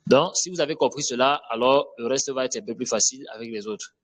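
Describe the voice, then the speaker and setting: A man teaching Quranic pronunciation, repeating each word slowly and correcting common mistakes. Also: medium pitch. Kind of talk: slow step-by-step pronunciation lesson.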